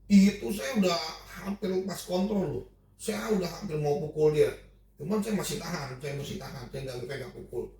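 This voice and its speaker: A man's voice: fairly high pitch, moderate pace, warm tone, distant mic. A middle-aged man sharing a personal testimony in a casual church group chat. He talks with emotion and often repeats and restarts his phrases. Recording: echoey room, speaker off-mic.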